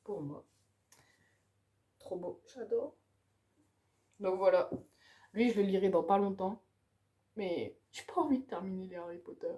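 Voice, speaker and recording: A woman's voice: mid-range voice, measured pace, pauses often, warm tone. A woman chatting casually and enthusiastically about the books on her reading pile. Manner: chatty, enthusiastic, ends phrases with "quoi". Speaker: book vlogger.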